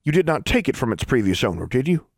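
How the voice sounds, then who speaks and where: A man's voice: medium pitch, big pitch swings, fast, dry recording, studio quality, voice pushed up. A man voicing a shrewd old country woman who crafts wands, speaking in folksy dialect. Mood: measured.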